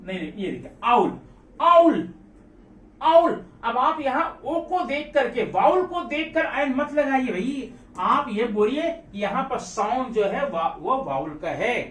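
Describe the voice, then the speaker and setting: A man's voice: extremely high pitch, lively intonation, a little slow, a bit bright. A male teacher giving a classroom grammar lesson, who keeps asking his students questions and repeats key words. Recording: echoey room, voice from a distance.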